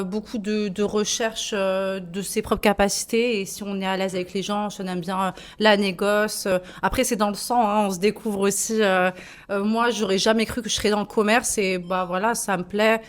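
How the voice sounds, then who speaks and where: A woman's voice: medium pitch, fairly even intonation, normal speed. A woman who sells kitchens, answering young visitors' questions in a chatty, casual way with lots of fillers, in a showroom. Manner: chatty, laughs easily, many fillers. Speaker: kitchen salesperson.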